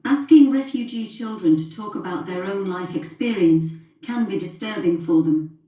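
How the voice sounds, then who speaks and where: A woman giving calm, measured scripted narration for a documentary. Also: mid-range voice, very echoey, recorded from a distance, rough recording.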